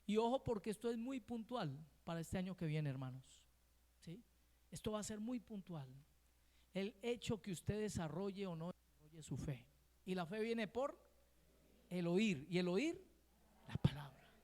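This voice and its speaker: A man's voice: high-pitched, lively intonation, moderate pace, pauses often, darkish tone, in a large hall. A man preaching a sermon as pastor, often checking in with the congregation with short questions. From Colombia. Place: church hall.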